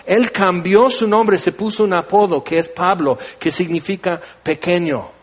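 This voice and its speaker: A man delivers a sermon in a high, light voice. He keeps it animated and playful, dropping into little acted-out bits of the figures he talks about. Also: measured pace. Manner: animated, acts out biblical figures with humor. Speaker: preacher.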